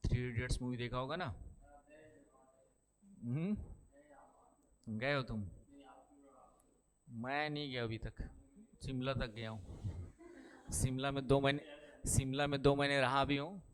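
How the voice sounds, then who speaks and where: A man's voice: medium pitch, fairly even intonation, normal speed, long pauses, clear, resonant tone. A middle-aged male teacher giving a lecture and telling personal stories in a chatty way, often asking the class questions and checking "ठीक है". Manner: keeps saying "ठीक है" and "है ना".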